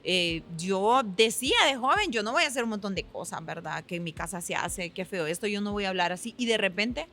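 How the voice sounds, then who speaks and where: Animated, bright-voiced Honduran woman. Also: medium pitch, brisk, few pauses, slight background noise. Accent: Honduran Spanish. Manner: animated storyteller who acts out quoted voices. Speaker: podcast guest. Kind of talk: candid conversational chat.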